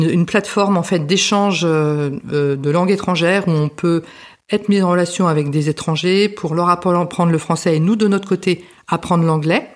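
A middle-aged French woman hosting her own podcast, talking casually with frequent fillers and restarts. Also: sits low. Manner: chatty, many fillers and restarts. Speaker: podcast host. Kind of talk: casual spoken monologue.

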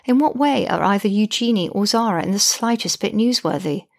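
A woman's voice: medium pitch, a little fast, creaky. A woman narrating her own diary-style account as a mother, indignant, wry and exasperated.

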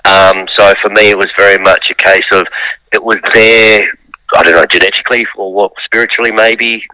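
A man's voice: fairly low pitch, fairly even intonation, a little fast, bright, forceful tone, clear, resonant tone, no echo, rough recording. A man, a musician and songwriter, telling his life story in an interview, open and thoughtful with many ums. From Australia.

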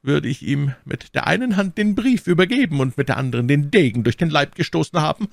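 A man's voice: on the high side, lively intonation, brisk, gravelly, dry recording, clean studio sound, pitched above the performer's own voice. A man reading an audiobook and voicing a proud young musketeer with a fluty, dandyish voice. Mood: defiant.

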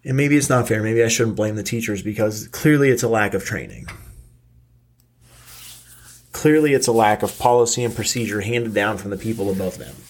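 A middle-aged man hosting his own podcast, ranting angrily and profanely while stoned and worn out. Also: lowish voice. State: stoned, weary. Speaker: podcast host. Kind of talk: casual ranting monologue.

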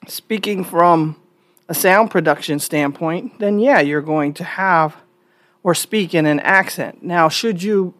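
An online commentator from New York, this woman has an American accent and a fairly low voice. She gives casual opinion commentary that is emphatic, conversational, and full of questions, with no room sound in the recording.

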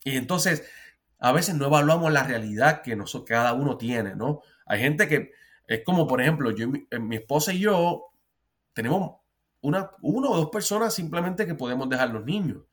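A man's voice: mid-range voice, animated, normal speed, fairly bright tone. A Puerto Rican therapist, a man who talks earnestly in a casual podcast chat, often restarting and repeating words. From Puerto Rico.

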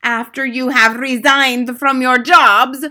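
A woman's voice: sits high, steady tone, slow pace, pushed and bright, pitched above the performer's own voice, heavily acted. A woman voicing a furious, commanding female witch queen who screeches and thunders her rants.

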